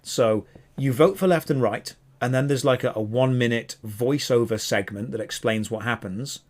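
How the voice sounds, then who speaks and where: A man's voice: medium pitch, moderate pace. A man co-hosting a casual podcast, talking enthusiastically and wandering off on tangents. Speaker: podcast co-host.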